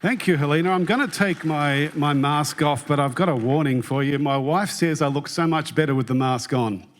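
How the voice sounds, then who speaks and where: A man's voice: fairly high pitch, normal speed. A man giving a jokey, chatty talk on a conference stage and quizzing the live audience. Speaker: conference presenter.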